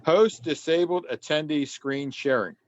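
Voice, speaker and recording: A man's voice: fairly high pitch, measured pace, dull audio, background noise. A man telling a dry anecdote in casual chat on a video call.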